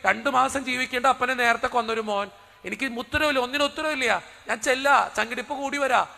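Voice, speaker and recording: A priest preaching a sermon as a personal story, acting out the dialogue with drama. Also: male voice, very high voice, brisk, creaky, bright, forceful tone, big-room sound.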